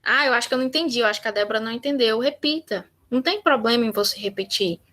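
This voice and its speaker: A woman's voice: fairly high pitch, very fast, a bit bright. A woman with a Brazilian Portuguese accent teaching a communication workshop in a conversational way, acting out short sample dialogues. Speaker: workshop instructor. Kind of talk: online workshop talk.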